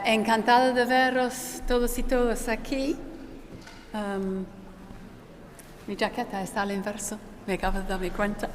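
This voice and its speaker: A woman moderating a conference panel in an informal, halting way, her voice carrying a cathedral-like hall echo. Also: medium pitch, slight background noise. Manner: informal, halting, often restarting words. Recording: long reverb in a large echoey hall.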